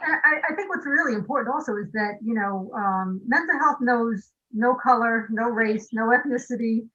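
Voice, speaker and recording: A woman on a discussion panel, speaking in a measured way with frequent "you know" fillers. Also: fairly high pitch, sharp tone, lo-fi sound.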